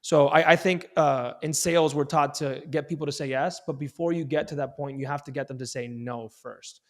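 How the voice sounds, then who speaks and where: Male realtor guest, quick and emphatic, restarts words, raised pitch. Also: fairly even intonation. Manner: emphatic, repeats words at the start of phrases. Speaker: real estate agent, podcast guest. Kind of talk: fast sales-coaching talk.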